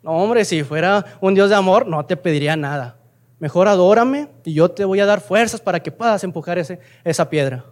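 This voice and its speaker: A man's voice: high voice, brisk, lightly acted. A man doing a coaxing, scheming devil. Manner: coaxing, persuasive. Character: scheming male devil tempter.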